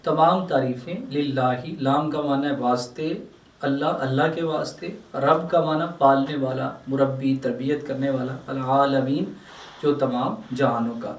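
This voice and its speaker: A man's voice: medium pitch, steady tone, reverberant, far from the mic, a little hiss or hum. A man with a Pakistani Urdu accent gives a religious lesson, reciting verses and explaining them word by word. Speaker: Islamic scholar teaching Quran translation.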